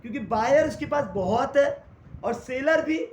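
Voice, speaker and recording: A man's voice: extremely high pitch, moderate pace. A man teaching a class in Hindi mixed with English terms, asking questions and answering them himself. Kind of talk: classroom lecture. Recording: echoey room, faint noise.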